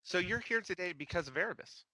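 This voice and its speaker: A man playing in a tabletop game, talking haltingly with many restarts. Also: sits high, expressive, bright, forceful tone, no room sound. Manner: hesitant, halting, full of restarts. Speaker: player. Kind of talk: tabletop role-play.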